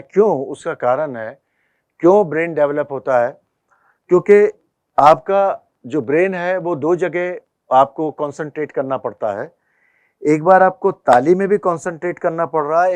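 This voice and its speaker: A man's voice: fairly high pitch, darkish tone, dry recording. A man teaching a tabla class, patiently explaining rhythm cycles and counting beats aloud. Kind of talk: online music lesson.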